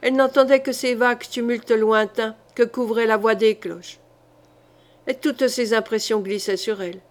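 Woman, audiobook narrator, fairly high voice, measured, dramatic reading of a historical novel. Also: steady tone. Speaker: audiobook reader.

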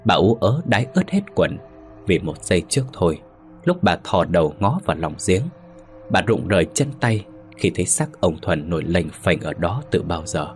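A man narrating a ghost story in a steady, solemn manner. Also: deep voice, moderate pace, faint music behind.

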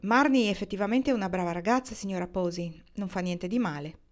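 A courteous young man speaks in a quiet, mild tone with gentle reproach, as a woman reading an audiobook puts him on. He never raises his voice. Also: medium pitch, fairly quick, natural voice. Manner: quiet, mild, soft-spoken.

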